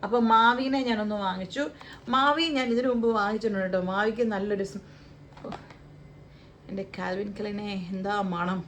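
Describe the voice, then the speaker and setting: At home in the UAE, a Malayali-accented vlogger runs through her shopping haul in a casual, playful chat, teasing about how brand names are said. Her medium-pitched voice is brisk and a bit bright, with fairly even intonation. A little hiss or hum is present.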